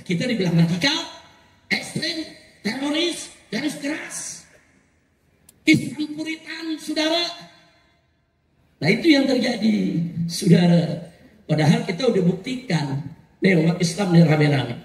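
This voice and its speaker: A man preaching a fiery sermon to a crowd, shouting and firing rhetorical questions at his listeners. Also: high-pitched. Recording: echoey hall from far off.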